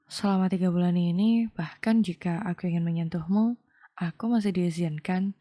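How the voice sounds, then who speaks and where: A woman reading the lines of a cold, expressionless young man in an audio novel, in a flat, even delivery. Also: fairly low pitch, moderate pace, natural voice.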